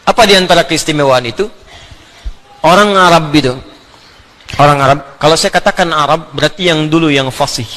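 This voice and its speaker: A middle-aged man giving an animated religious lecture, often laughing and sounding out letters. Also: fairly high pitch, brisk, pauses often. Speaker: Islamic preacher.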